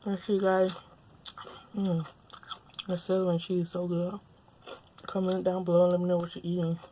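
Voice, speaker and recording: A young woman from Louisiana talks casually into a lapel mic at home between bites of food. Her voice is mellow and a little low, and her chat stays loose and easygoing. A faint hum of room noise sits behind her. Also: normal speed. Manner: relaxed, chatty, talks with mouth full. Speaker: mukbang vlogger. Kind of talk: casual chat while eating. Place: at home, indoors.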